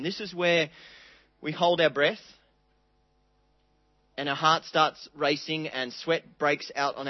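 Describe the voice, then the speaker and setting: A man preaching a sermon, earnest and dramatic, reading scripture aloud with quiet pauses. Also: on the high side, dry recording, muffled recording.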